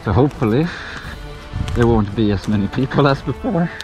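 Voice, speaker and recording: A man's voice: mid-range voice, lively intonation, a little fast, music in the background. Man talking through a gas mask. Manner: chatty, thinking aloud. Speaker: vlogger. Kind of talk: casual vlog commentary. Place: outdoors in a forest.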